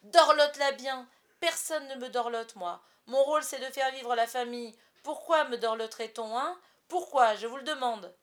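A woman voicing a loud, sulky father who is childish and defiant, in a storybook reading. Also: high-pitched, steady tone, fairly quick, voice pushed up. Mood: indignant. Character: blustering self-pitying father, loud and childish.

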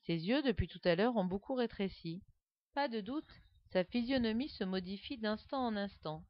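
A woman narrating a children's story with a lively, expressive reading, on a dull, dry recording. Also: medium pitch, moderate pace, no echo.

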